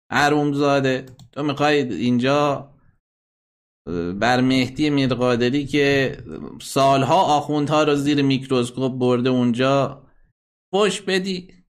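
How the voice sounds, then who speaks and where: A man's voice: medium pitch, steady tone. A male broadcast host with a mid-range voice who runs a call-in show. He talks bluntly and combatively, scolding people and hurling insults at those who cross him. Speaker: host of a satellite call-in program. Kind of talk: live broadcast hosting, playing listener messages.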